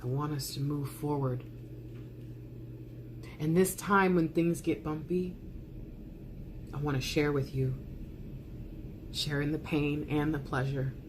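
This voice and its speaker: A woman with a fairly low voice reads love messages in a soft ASMR style. Her delivery is intimate and earnest, shaped by dramatic pauses. Some ambient noise sits behind her voice. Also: fairly even intonation. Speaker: tarot reader reading out love messages. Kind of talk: soft ASMR love letter reading, spoken as the absent partner.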